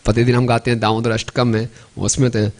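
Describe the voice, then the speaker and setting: A man's voice: medium pitch, little pitch movement, a little mellow. Male preacher telling a devotional story. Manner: chants Sanskrit verses slowly, adds tag questions. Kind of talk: sermon storytelling in a temple.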